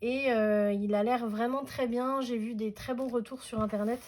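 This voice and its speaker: A woman's voice: on the high side, steady tone, normal speed, a little mellow, slight background noise. A woman hosting a casual scrapbooking tutorial at home, chatty and hesitant, with many fillers.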